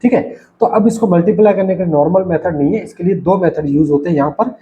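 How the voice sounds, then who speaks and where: A fast-talking man with a high-pitched voice lectures at a writing board, patiently explaining, repeating himself, and frequently making sure his students are following along. It's a recorded lecture captured in dull lo-fi.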